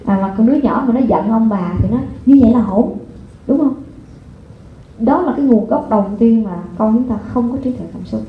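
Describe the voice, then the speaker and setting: A woman giving a live parenting seminar, talking lively and constantly asking the audience rhetorical questions. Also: on the high side, fairly quick. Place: lecture hall before an audience. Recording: echoey hall over a phone-like line, faint noise.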